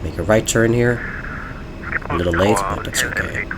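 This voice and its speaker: A man with a lowish voice speaks as a pilot in the cockpit, reading back clearances and calling out each takeoff step. His delivery is clipped and procedural. A clear cockpit hum runs steadily under the voice. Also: moderate pace. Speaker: flight simulator pilot. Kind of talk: pilot cockpit radio calls and callouts.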